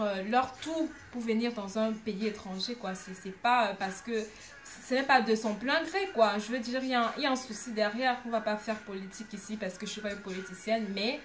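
A young woman vlogging casually, telling anecdotes in an animated, ironic way with lots of hesitations. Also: medium pitch, a little hiss or hum. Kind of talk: casual storytelling vlog.

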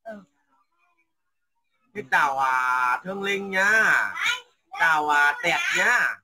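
A woman's voice: sits low, slow, very noisy. An older woman hosting a casual livestream vlog, chatting and greeting viewers by name. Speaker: vlog host.

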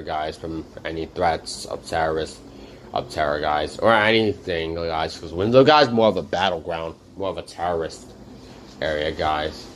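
A deep-voiced man hosts a reaction channel, rambling casually and calling his viewers "guys" in nearly every sentence. There's slight background noise.

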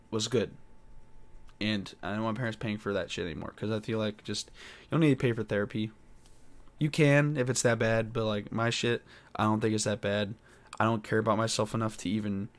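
A young man hosting his own podcast alone, talking in a rambling, hesitant way with many pauses and fillers. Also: on the low side. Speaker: podcast host. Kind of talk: casual solo podcast monologue.

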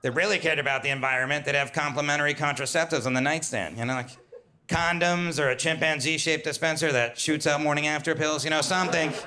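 Male stand-up comic, bright forward tone, wry conversational set on a club stage. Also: a little high, steady tone, quick pace. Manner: wry, conversational, jumps to loud put-on whines. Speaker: stand-up comedian. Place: comedy club stage with audience laughter.

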